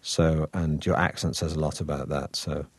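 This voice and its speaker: A Manchester man, an actor appearing as an interview guest, chats in a relaxed, wry way, hesitating and restarting often. His voice rumbles low with little pitch movement, a moderate pace and a breathy edge. The recording is dry.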